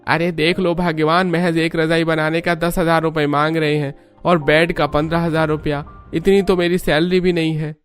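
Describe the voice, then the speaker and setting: A man voicing a poor, resigned cartoon husband who talks calmly and consolingly. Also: a little high, normal speed, hardly any pauses, faint music behind, lightly acted. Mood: worried. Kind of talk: cartoon voice acting.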